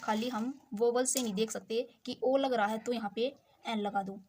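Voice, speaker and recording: A woman's voice: on the high side, steady tone, darkish tone, slight background noise. A woman teaching English grammar, explaining example sentences step by step and checking in often with her listeners. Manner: slow, repetitive explaining with frequent check-ins.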